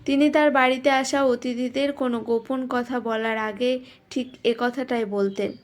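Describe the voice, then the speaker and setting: A woman's voice: on the high side, steady tone, normal speed. A woman narrating a first-person story in a reflective, self-mocking way.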